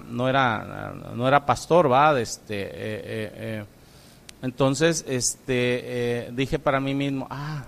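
A middle-aged Mexican pastor with a gravelly voice speaks to his congregation in a loose, informal way. He hesitates often, fills gaps with drawn-out sounds and keeps checking in with tag questions. His pitch sits in an ordinary middle range. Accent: Mexican Spanish. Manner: halting, many fillers and tag questions. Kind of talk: informal church talk.

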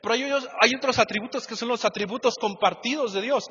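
A man with a Mexican Spanish accent preaching a lively, conversational sermon as pastor, asking the congregation rhetorical questions. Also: very high-pitched, fairly quick, husky. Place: church hall. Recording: muffled church hall recording with long reverb.

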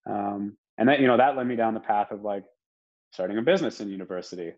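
A young adult man from Romania, a podcast guest telling his story in a relaxed, casual way with lots of fillers and the odd swear word. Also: fairly low pitch, fast talker. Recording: dull lo-fi sound.

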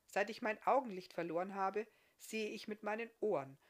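A woman reading aloud, voicing a gentle, blind, bearded giant man in a soft, consoling way. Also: medium pitch, moderate pace, close to an everyday voice.

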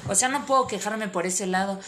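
A woman's voice: medium pitch, brisk, a bit bright, a little hiss or hum. A young woman with a Mexican accent, co-hosting a casual chat and telling slangy stories with acted-out quotes. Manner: slangy storyteller, acts out quotes. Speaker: podcast co-host.

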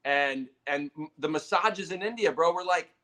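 Man with a higher-pitched voice, chatting casually. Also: normal speed, sharp tone. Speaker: podcast co-host, real estate agent. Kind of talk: casual podcast chat.

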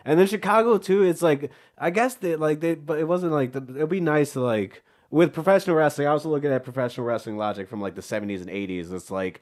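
A man's voice: fairly high pitch, quick pace, hardly any pauses, a little mellow. A man chatting casually as an interview guest, rambling through half-finished thoughts. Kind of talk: casual chat.

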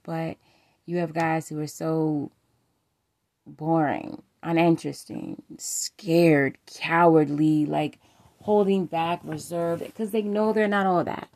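A woman's voice: low-pitched, creaky, mellow. A woman hosting a podcast, talking about relationships in a candid, rambling way, swearing freely and filling her talk with "like". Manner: loose and rambling, full of "like" fillers. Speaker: podcast host.

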